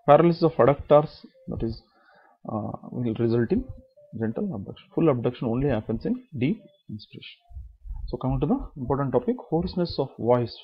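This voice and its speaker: Man, medical lecture, husky tone, dull lo-fi sound. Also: medium pitch, expressive, fairly quick. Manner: explanatory, repeats key terms, asks and answers own questions.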